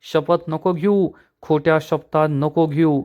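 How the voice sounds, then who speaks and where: A man's voice: fairly high pitch, fairly even intonation, slow, a little mellow, dull audio. A man voicing an angry middle-aged aunt who scolds harshly and accuses. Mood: angry, accusing.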